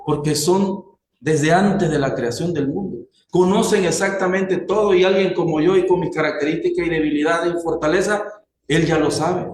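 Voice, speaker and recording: A man delivers a sermon in a slightly raised voice. He speaks slowly and deliberately, often putting questions to the congregation. The room is echoey, with a faint hiss in the recording. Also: fairly high pitch, a little mellow. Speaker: preacher.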